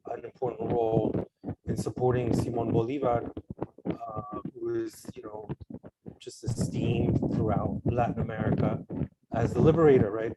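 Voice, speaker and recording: A man from El Salvador speaking as a panelist in a discussion. He talks in a halting, reflective way, with many fillers and restarts. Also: medium pitch. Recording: loud background noise.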